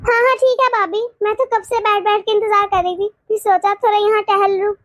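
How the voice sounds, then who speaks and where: Woman voicing a gentle old cartoon aunt. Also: extremely high pitch, steady tone, brisk, dry recording, clean studio sound. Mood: friendly. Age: older. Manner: mild, chatty and appreciative. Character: elderly aunt visiting her brother, gentle and grateful. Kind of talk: cartoon voice acting.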